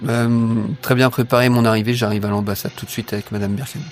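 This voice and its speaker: A man playing a tabletop role-playing game, improvising his lines and actions in a hesitant, measured way. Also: medium pitch, flat delivery, soft background music. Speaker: tabletop role-play player. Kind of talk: improvised in-character play and narration.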